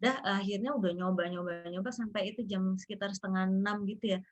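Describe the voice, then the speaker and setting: A woman's voice: steady tone, fast. Woman, 30s, interview guest; earnest storyteller who voices the people in her story; dull lo-fi audio. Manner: earnest, acts out quoted dialogue with rising pitch. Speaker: guest sharing a personal story. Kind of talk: emotional personal storytelling.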